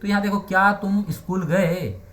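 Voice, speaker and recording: A man's voice: high-pitched, moderate pace, fairly bright tone. A man teaching English grammar in Hindi, putting questions to the class and answering them himself, repeating key terms. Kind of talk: Hindi-medium grammar lesson. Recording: echoey room.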